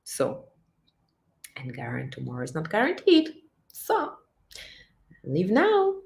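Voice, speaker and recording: A woman with a low, gravelly voice speaks slowly as a vlogger reading her livestream chat aloud. She's animated and encouraging, often repeating herself. The room she's in is echoey.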